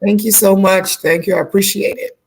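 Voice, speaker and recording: A woman's voice: mid-range voice, steady tone, brisk, husky. A woman from Guyana, a fitness instructor, chatting in an upbeat casual interview over a video call and circling back to repeat her points. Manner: upbeat, repeats herself while explaining.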